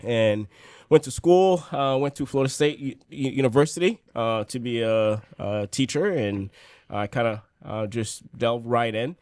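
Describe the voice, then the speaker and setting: A man's voice: medium pitch, measured pace, a little mellow, clear, resonant tone, dry recording, clean studio sound. A man in his forties from Haiti, a podcast guest telling his story in an easygoing way. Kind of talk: casual interview.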